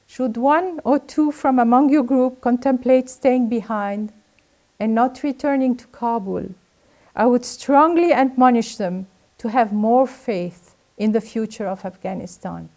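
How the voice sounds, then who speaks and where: An older woman from Lebanon speaks at a graduation, her voice set a little high and mellow in tone. She reads a formal prepared address in an earnest, exhorting way. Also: measured pace.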